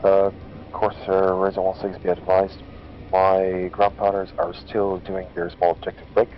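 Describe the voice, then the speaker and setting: Deep monotone guy on a crackly radio w static bursts, clipped milsim calls, lots of uh's, lo-fi hiss. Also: measured pace. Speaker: ground squad leader on radio. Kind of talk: military radio procedure in a game. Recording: lo-fi radio sound with faint hiss.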